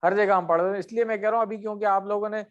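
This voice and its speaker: Man, high-pitched teacher voice, corrective, quizzing students, online class. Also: steady tone, highs cut off. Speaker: Arabic grammar teacher.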